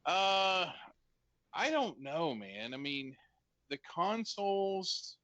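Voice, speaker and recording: A man with a bright, forceful voice chats casually on a podcast, recorded dry and close. He hesitates often and fills the pauses with ums. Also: high-pitched, dry recording, lo-fi sound. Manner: relaxed, hesitant, lots of ums. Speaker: podcast co-host. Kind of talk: casual chat.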